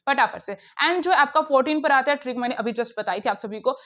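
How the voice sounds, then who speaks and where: A woman teacher explaining puzzles step by step in a brisk, coaxing way, talking straight to her students. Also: sits high, fairly bright tone. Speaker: online teacher. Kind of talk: classroom lesson explaining puzzles.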